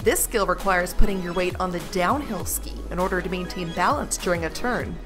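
A woman's voice: lowish voice, fairly quick, over music. A young woman hosting and narrating a television feature in a scripted, upbeat presenter style. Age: young adult. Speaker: TV host and reporter.

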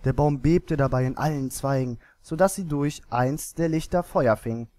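A man's voice: mid-range voice, normal speed, dry recording. Man reading a fairy tale aloud. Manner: expressive storybook reading. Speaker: narrator.

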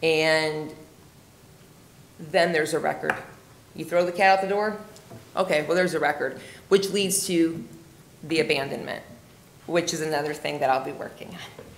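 A woman's voice: low-pitched, moderate pace, pauses often. A woman in her forties who founded a cat rescue group, speaking earnestly at a city council meeting with many fillers and restarts. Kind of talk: public comment at a council meeting. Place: council chamber. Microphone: desk microphone, camera at a distance. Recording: echoey council chamber, faint hum.

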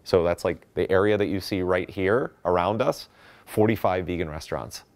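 A man with a very low, deep voice gives a chatty slide talk at a festival. He speaks with eager enthusiasm and often stumbles into fillers and restarts. He is picked up by a stage microphone. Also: moderate pace. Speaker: conference speaker. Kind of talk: casual presentation talk with slides.

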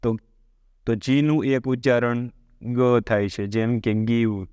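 A man's voice: mid-range voice, steady tone, slow, darkish tone, smooth, dry recording, lo-fi sound. A man with a Gujarati accent teaching a spoken English lesson, explaining step by step and putting questions to his listeners.

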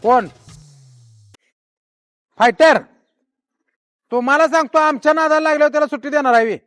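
A man's voice: very high voice, normal speed, a bit bright, dry recording, clean studio sound, soft background music. A man with a Konkan Marathi accent playing a boastful, defensive village man in a comic web series.

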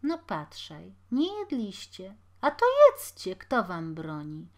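A woman's voice: medium pitch, huge pitch swings, takes it slowly, full character voice. A woman voicing a grumpy, stingy old male beggar who mutters and grumbles. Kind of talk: audiobook character voice.

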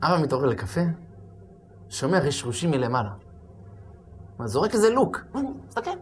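Male rabbi, lively sermon storyteller, big swings in pitch, faint background noise. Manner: acts out the story with shouts and sudden loud bursts.

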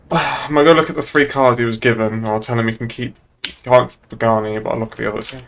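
A young British man, a streamer roleplaying as a server moderator in an online game, chats casually and swears freely. His medium-pitched voice is creaky and fairly even, and he talks quickly.

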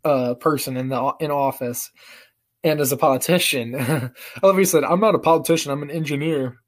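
Slightly high and slightly fast, the voice belongs to a young adult American who vlogs his prank calls. His casual commentary is slangy and amused, punctuated by chuckles, recorded on a webcam at arm's length in a small living room.

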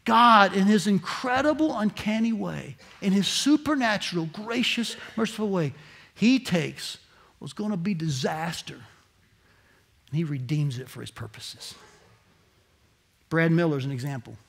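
A male pastor preaching a direct sermon in a church, moving between quiet asides and shouted emphasis. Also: sits high, animated, measured pace, vocal fry, husky. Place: church sanctuary.

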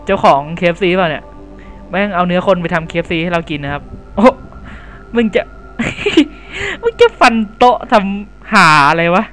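A young man giving crude, jokey commentary over a horror game, swearing loudly at scares and joking to his viewers. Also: high voice, expressive, fairly quick, low-quality recording. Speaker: gameplay commentator. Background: game music.

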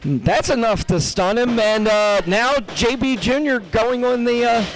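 A man calling a wrestling match play by play, excitable and joking, with many fillers. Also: very high voice, measured pace, a little hiss or hum, low-quality recording. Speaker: play-by-play commentator. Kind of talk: wrestling commentary.

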